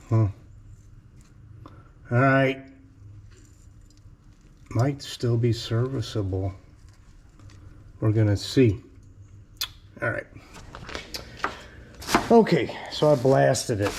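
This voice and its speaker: Male mechanic, unhurried casual workshop vlog, half talking to himself, garage noise behind. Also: medium pitch, warm tone. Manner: muttering to himself while working, mechanic's shop talk. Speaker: mechanic restoring an old car in a home garage. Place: home garage.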